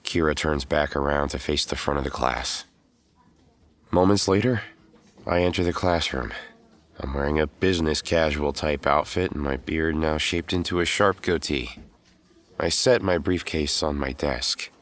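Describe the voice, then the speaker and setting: A middle-aged man with a bass voice narrates at a moderate pace with a fairly bright tone, music playing beneath him. As narrator and lead actor of an audio drama, he plays a world-weary former hero turned professor, telling his own story in measured, scripted first-person narration.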